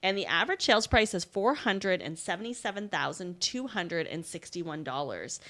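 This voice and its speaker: With a fairly low, slightly bright voice and lively intonation, a female podcast co-host talks through market numbers at normal speed. She keeps it chatty, adding asides of her own as she explains the figures.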